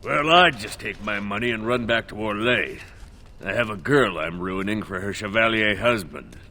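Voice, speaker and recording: A man's voice: fairly low pitch, normal speed, bright, forceful tone. An actor playing a sly, wry elf apostate man in a fantasy game.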